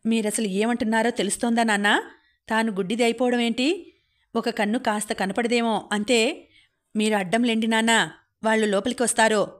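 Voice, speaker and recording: A woman's voice: fairly high pitch, fairly even intonation, moderate pace, lightly acted. A woman narrator voicing a young husband who sternly defends his wife against his father, in an audiobook. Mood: indignant.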